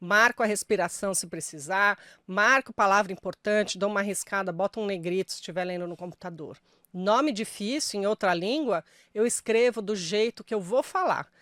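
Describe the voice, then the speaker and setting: A middle-aged woman with a Brazilian Portuguese accent speaks straight to the viewer, a journalist sharing voice-over tips in an emphatic, friendly way. Her voice sits at an ordinary mid pitch. The recording is dry and close, with no room around it. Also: moderate pace, a bit bright, dry recording. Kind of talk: direct-to-camera voice tips.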